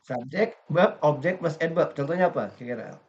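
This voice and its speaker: A man's voice: fairly high pitch, animated, fairly quick. A man teaching an English grammar lesson step by step, often stopping to quiz his class. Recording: dull lo-fi recording.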